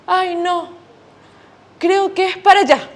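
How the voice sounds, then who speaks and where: A woman's voice: extremely high pitch, steady tone, takes it slowly, voice pushed up. Woman doing a flustered, dithering dad. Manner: dithering, exclaiming. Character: flustered father lost with a paper map.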